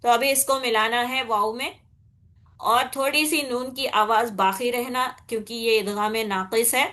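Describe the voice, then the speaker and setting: Bright-voiced woman teaching recitation. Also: a little high, steady tone. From India. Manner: explains patiently, often asks "okay?", demonstrates with slow drawn-out nasal recitation. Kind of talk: tajweed lesson.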